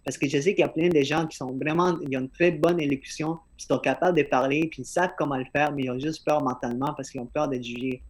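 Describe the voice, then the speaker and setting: Male podcast host with an accent, slightly high voice, a bit slurred, earnest and frank. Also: fairly even intonation, fast, few pauses. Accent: non-native-sounding French accent. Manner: earnest, frank, repeats words when starting a thought. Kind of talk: casual podcast conversation.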